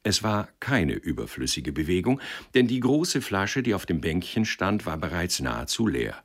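A man reading a novel aloud in a measured, expressive storytelling manner. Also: sits low. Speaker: reader. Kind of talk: literary reading.

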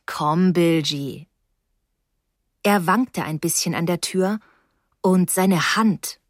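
A woman reading a novel aloud in the first person with an expressive, dramatic delivery. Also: lowish voice, slow, dry recording, clean studio sound. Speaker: audiobook reader. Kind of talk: expressive audiobook narration.

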